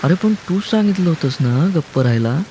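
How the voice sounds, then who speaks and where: A man's voice: on the high side, lively intonation, a little fast, dark tone, slight background noise, pitched above the performer's own voice, lightly acted, rough recording. A man reading aloud, voicing a playful, teasing young woman in an audiobook. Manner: coaxing, teasing.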